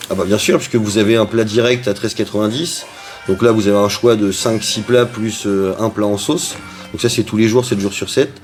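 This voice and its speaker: A man's voice: fairly low pitch, steady tone, fairly quick, soft background music. A man who owns and cooks at a restaurant, answering interview questions in a chatty way with frequent hesitations. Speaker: restaurant owner and cook.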